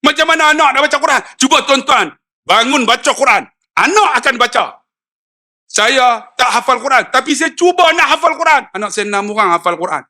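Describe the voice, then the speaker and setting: A middle-aged man with a Malaysian Malay accent preaching a lively sermon, acting out quoted dialogue and swinging from low asides to high emphatic peaks. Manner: acts out quoted dialogue in storytelling. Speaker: religious preacher.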